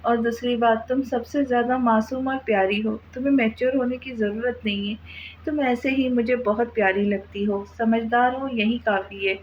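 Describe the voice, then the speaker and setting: A woman voicing a doting, gentle young husband in a storybook reading, tender and coaxing. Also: fairly high pitch, steady tone, normal speed, lo-fi sound, a little hiss or hum, close to an everyday voice.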